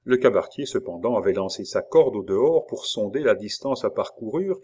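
A man narrating a novel in a steady, measured storytelling manner. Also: on the low side, husky. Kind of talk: audiobook reading of a novel.

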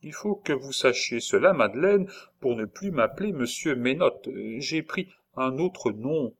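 A weary wandering peddler, as a male reader plays him, speaking gently and low with quiet resignation. His hushed voice carries grief in a spoken storybook. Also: animated, a little slow. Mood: resigned.

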